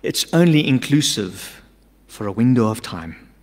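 A middle-aged man preaching a sermon from a church stage into a stand mic, emphatic, swinging between urgent loud lines and hushed asides. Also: medium pitch, animated, a little slow. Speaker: pastor. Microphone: stand mic at a pulpit. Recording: long church-hall reverb.

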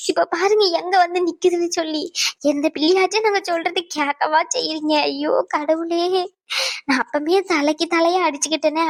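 A woman voicing a wailing anxious village mother. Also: very high-pitched. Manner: wailing, lamenting.

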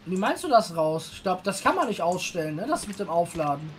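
A woman's voice: fairly low pitch, very animated, brisk, a little hiss or hum. A woman in her late twenties, a fellow streamer chatting casually and easily on a voice call, often adding little tag questions. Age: late 20s. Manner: friendly, easygoing, adds tag questions.

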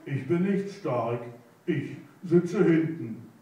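Man doing a dim boastful hare, high lively voice, echoey room, mic far away. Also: slow pace. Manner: eager, insistent.

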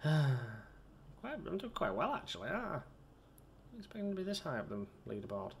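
A man's voice: on the high side, big pitch swings, normal speed, gravelly, slight background noise. A man chatting loosely over a game he is playing, wandering from topic to topic and poking fun at himself. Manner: chatty, wandering, self-mocking. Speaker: gaming video host. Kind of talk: rambling gameplay commentary.

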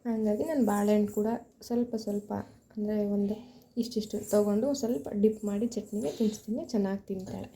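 A woman's voice: medium pitch, steady tone, brisk, mellow, a little hiss or hum. A young woman vlogging at home about her toddler's day, switching between narrating for viewers and sing-song baby talk to her daughter. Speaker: vlogger, mother. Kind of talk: casual home vlog narration.

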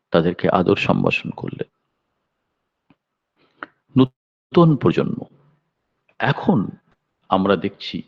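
A man in his seventies giving a devotional sermon, telling stories with sudden emphatic raised bursts. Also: on the low side. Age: 70s. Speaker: devotional speaker. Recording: dull lo-fi recording.

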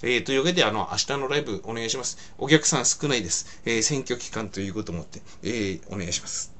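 A man speaking in a casual monologue as a video blogger, rambling with many fillers and rough colloquial phrasing. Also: medium pitch, quick pace, fairly bright tone, slight background noise.

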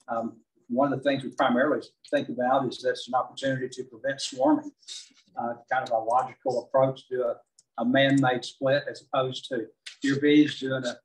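Middle-aged Texan man, club presenter, steady mid pitch, distant room sound. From southeast Texas. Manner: measured, frequent "uh" fillers. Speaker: beekeeping presenter. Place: large meeting hall with projector.

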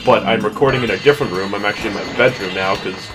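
Young male let's player, low voice, casual rambling commentary recorded in a bedroom over game music. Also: quick pace. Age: young adult. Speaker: let's play host. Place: small bedroom at home. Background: video game music.

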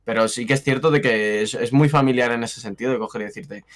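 A man hosting a casual interview chat, talking in a lively, colloquial way. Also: medium pitch, quick pace. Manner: animated, colloquial, quotes himself. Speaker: host.

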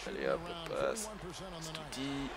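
A man with an extremely low voice speaks a little slowly over a loud crowd while playing a basketball video game. In his excitable let's-play commentary he coaches his team aloud, cheers them on and berates himself with curses when plays fail.

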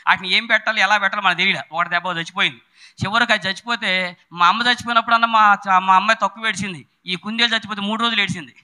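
A middle-aged male preacher, delivering a sermon with sudden shouted bursts and chatty storytelling. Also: high-pitched, fairly even intonation, rapid-fire.

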